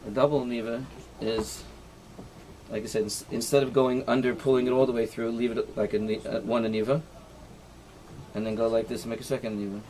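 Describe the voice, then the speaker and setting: A man's voice: medium pitch, little pitch movement, fairly quick, mellow. Man, a rabbi, going over knots step by step for a class, keeps saying "right?", slight background hiss. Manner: explains step by step, often checks with "right?"; mixes Hebrew and Yiddish terms into English. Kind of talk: informal halacha lesson with demonstration.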